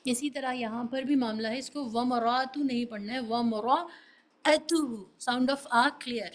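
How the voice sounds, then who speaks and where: A woman's voice: fairly high pitch, fairly even intonation, poor audio. Woman teaching Quran recitation. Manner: patient explaining, drills sounds with examples; mixes English terms into Urdu teaching. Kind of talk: online tajweed class for beginners.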